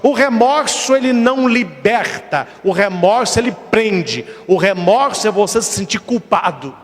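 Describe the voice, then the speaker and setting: Man, priest, sermon, rhetorical questions, high voice, long reverb. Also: expressive, unhurried. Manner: rhetorical questions, emphatic repetition.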